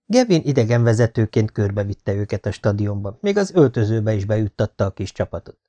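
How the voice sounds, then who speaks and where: A man's voice: fairly low pitch, big pitch swings, warm tone, lo-fi sound. Man narrating an audiobook steadily.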